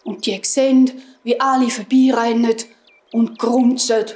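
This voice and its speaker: A woman with a Swiss German accent telling a fairy tale to children in a gentle, unhurried manner. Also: fairly high pitch, level tone. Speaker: storyteller. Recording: roomy echo.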